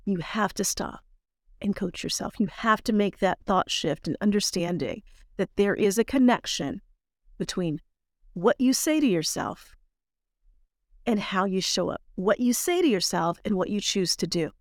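A woman's voice: medium pitch, lively intonation, measured pace, no echo, clean studio sound. A woman hosting a motivational coaching podcast, talking emphatically and repeating key phrases for stress. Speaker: podcast host and life coach.

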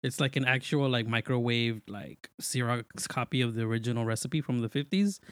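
A man's voice: mid-range voice, brisk, smooth, dry recording. A man from Mexico talks as a podcast guest in a casual, storytelling way. His voice sits mid-range, sounds dry and close, and his phrasing is informal and slangy. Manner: informal, slangy, quotes himself while telling stories. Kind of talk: casual chat and personal storytelling.

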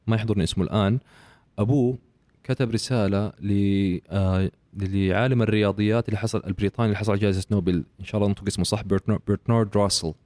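A man talks quickly and emphatically, like he is giving a lesson. He scatters English phrases and "okay" through a relaxed interview. His lowish voice is recorded close and dry, with no room sound. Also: no echo. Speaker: author and podcast guest. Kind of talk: casual conversational interview.

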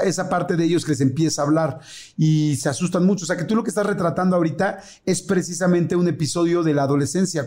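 A Mexican man co-hosting a podcast, explaining things in a relaxed, friendly, conversational way. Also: on the high side. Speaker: podcast co-host. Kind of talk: casual chat.

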